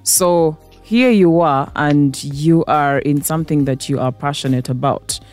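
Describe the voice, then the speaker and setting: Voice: mid-range voice, a little slow, a little mellow, soft background music. An interview host who asks curious, probing questions and gives short replies while the guest talks. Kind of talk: casual interview.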